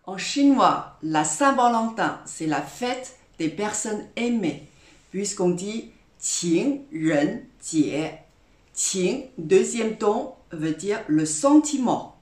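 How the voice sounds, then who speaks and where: A woman teacher speaks at a slow, deliberate pace. She sounds out each word with care and repeats it for her learners. Her voice rings in a roomy, echoing space. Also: medium pitch, expressive. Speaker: Chinese teacher. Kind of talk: online language lesson. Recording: roomy echo.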